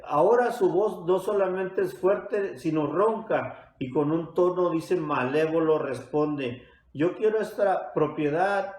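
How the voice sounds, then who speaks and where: A male pastor retells a Bible story in a sermon, building it dramatically with pauses. His voice is somewhat high. It rings through a roomy church sanctuary. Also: darkish tone.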